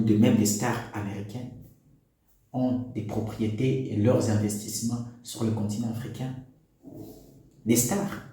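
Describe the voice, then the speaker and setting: A man from DR Congo, whose first language is a Congolese national language, delivers an opinion monologue to camera aimed at parents. He is preachy and exhorting, full of rhetorical questions, speaking in a medium-pitched, dark voice in an echoey room.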